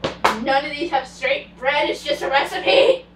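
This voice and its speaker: A woman playing a hot-tempered, foul-mouthed young Italian man in an amateur cosplay comedy skit, snapping in loud outbursts, filmed by a far camera in a home kitchen. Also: sits high, a little slow, roomy sound, heavy background noise. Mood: irritable. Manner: swears and snaps in loud outbursts.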